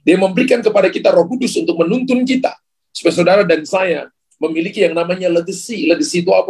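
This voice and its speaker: A male pastor delivers a sermon in a relaxed, conversational way and keeps turning to the congregation. His voice sits a little high and sounds husky. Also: low-quality recording. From Ambon, Indonesia. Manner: conversational preaching with frequent "ya" and direct address.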